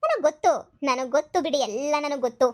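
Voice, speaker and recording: Fast and sing-song at a high pitch, a woman portrays a nagging, jealous young wife for a cartoon comedy. The tone is accusatory, with needling jabs and plenty of repetition.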